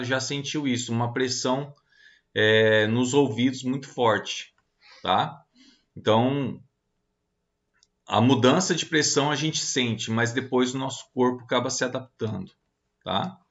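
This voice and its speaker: A man's voice: medium pitch, fairly bright tone, muffled recording. Casual man teaching a lesson. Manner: casual, hesitant, many fillers and tag questions. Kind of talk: online lecture explaining slides.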